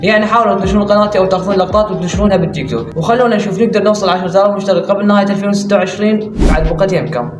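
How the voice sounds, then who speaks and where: Fast-talking Iraqi man, mocking rant. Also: sits high, fairly even intonation. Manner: mocking, sarcastic, rapid-fire ranting. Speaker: commentary YouTuber. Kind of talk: reaction commentary. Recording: roomy, distant mic, music behind.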